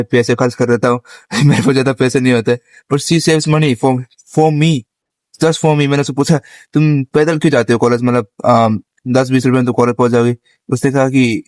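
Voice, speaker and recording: A man's voice: mid-range voice, a little mellow, no echo. Chatty young man with a dry close sound. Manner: laughs often, mixes Hindi and English; chatty, addresses listener as bro. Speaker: vlogger giving dating advice. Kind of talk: casual advice monologue.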